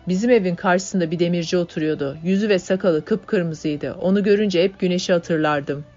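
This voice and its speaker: A woman voicing a young male worker who talks in a sweet, soft-spoken way. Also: fairly low pitch, normal speed, close to an everyday voice. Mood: gentle. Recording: dull lo-fi audiobook, faint music.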